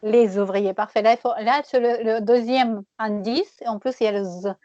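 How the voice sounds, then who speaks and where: A woman teaching French pronunciation one-on-one, patiently repeating words slowly and laughing often. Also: a little high, fairly even intonation, dark tone, dry recording, dull audio.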